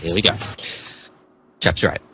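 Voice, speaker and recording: Pushed and bright, a man's voice moves at a moderate pace as he performs a mock-dramatic podcast reading of fan fiction, stumbling over the words theatrically and tossing in asides. Soft music and faint background noise play underneath.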